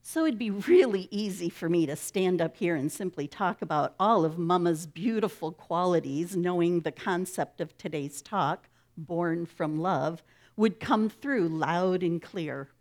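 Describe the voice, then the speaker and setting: A woman speaking at a church service, reading a short story with gentle, hushed dialogue and then talking about her own family. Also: lowish voice, unhurried. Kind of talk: reading a story aloud, then a personal talk.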